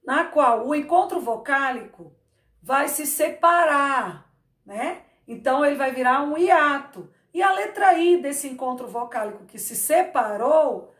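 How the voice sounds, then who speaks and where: Slow, high-voiced woman teacher in an echoey room. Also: animated. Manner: slow, stresses syllables by repeating words. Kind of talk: Portuguese grammar lesson.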